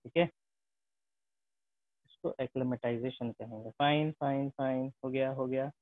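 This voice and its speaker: A man's voice: mid-range voice, steady tone, a little slow. A male teacher lecturing a class, often dropping English terms into his speech and asking the students whether they follow. The sound is thin and phone-like, with a dry, close feel and no room echo. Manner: mixes English terms into Hindi, repeats tag questions.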